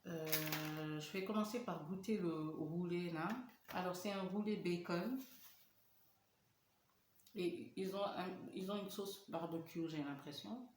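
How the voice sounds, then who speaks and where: A woman's voice: fairly low pitch, takes it slowly. A woman in her thirties from Senegal, chatting casually in a mukbang vlog and talking between bites. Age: 30s. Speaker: vlogger. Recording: echoey room with faint hiss.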